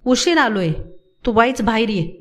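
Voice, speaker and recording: A woman voicing an anxious, loyal village man who asks worried questions in rustic speech, a little higher than her narration. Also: animated, moderate pace, close to an everyday voice.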